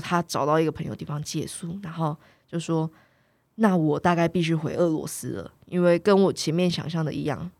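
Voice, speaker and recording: Lively young woman telling a story. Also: low voice, dry recording, studio quality. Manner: animated storyteller, acts out quoted people, laughs often. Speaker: podcast co-host telling a story. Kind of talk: casual chat storytelling.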